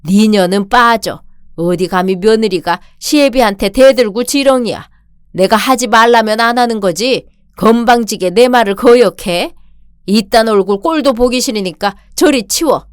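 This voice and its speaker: A woman's voice: a little high, normal speed, clear, resonant tone, dry recording, studio quality, natural voice. A woman reading the part of a domineering older father-in-law in a radio drama, barking insults and orders. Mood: angry.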